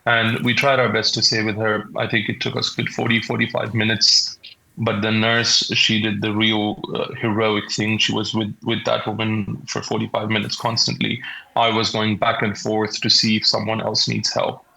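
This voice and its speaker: A man in his twenties with a Pakistani accent, giving a shaken, halting eyewitness account in an interview. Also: on the low side, monotone, vocal fry, sharp tone, rough recording. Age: 20s. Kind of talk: interview account of a traumatic event.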